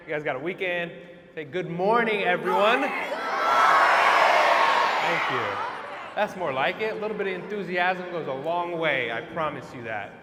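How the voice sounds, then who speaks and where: Young man, speaker from Iraq, upbeat and coaxing, slightly high voice, long hall reverb. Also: animated, moderate pace, pauses often, over a noisy crowd, very noisy. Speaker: guest speaker. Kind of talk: motivational school talk. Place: school assembly hall.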